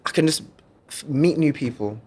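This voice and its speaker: A man's voice: on the high side, moderate pace, darkish tone, slightly rough. A man, hosting a podcast and telling stories in a laid-back, slangy way. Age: 20s. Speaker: podcast host. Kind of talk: casual chat.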